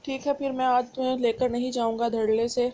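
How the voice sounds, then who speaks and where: A playful, bossy young husband from a romance novel, read aloud by a woman. The voice sits fairly high and soft, with little rise and fall. He teases more than he acts out. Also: little pitch movement, quick pace, natural voice. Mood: teasing.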